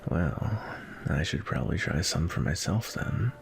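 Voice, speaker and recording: Sebastian, a deep, gravelly vampire acted by a man. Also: animated, exaggerated voice. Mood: courteous, relaxed. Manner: polite, unhurried, flirtatious. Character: suave, courteous, centuries-old male vampire on a date. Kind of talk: ASMR roleplay, intimate and softly spoken.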